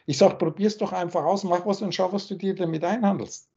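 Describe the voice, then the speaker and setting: A man on a video call, lecturing and scolding in a forceful, preachy way, with crude words thrown in. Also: high-pitched, fairly even intonation, a little fast, vocal fry, husky. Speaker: spiritual teacher. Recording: dull lo-fi call audio.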